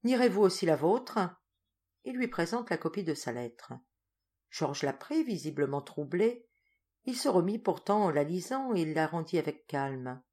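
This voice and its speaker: A woman narrating an audiobook in a calm, measured storytelling manner. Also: sits low. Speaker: audiobook reader. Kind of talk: scripted narration.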